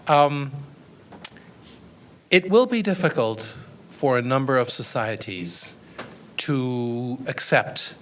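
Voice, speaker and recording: A middle-aged man answers a question in a lecture room, weighing his words and often pausing on fillers. His voice sits at an average pitch for a man. A faint steady hiss runs under the recording. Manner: thoughtful, hesitant with fillers and restarts. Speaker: guest lecturer.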